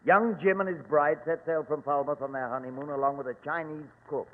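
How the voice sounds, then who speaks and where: An actor playing a flustered, officious English police inspector in old-time radio drama, emphatic, earnest and blustering. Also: male voice, a little high, fairly even intonation, natural voice. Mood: exasperated, worried. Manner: blustering, emphatic, halting repetitions. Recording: tinny, noisy, reverberant old radio recording.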